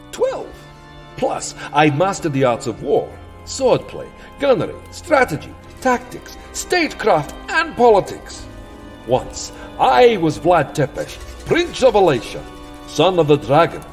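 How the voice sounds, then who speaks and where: With a slightly high, exaggerated voice, a male actor portrays a weary vampire count who has long settled into his ways, in a comic audio drama. Theatrical and wry, he shifts among boasting, petulance and self-deprecation, here coming across as indignant and boastful.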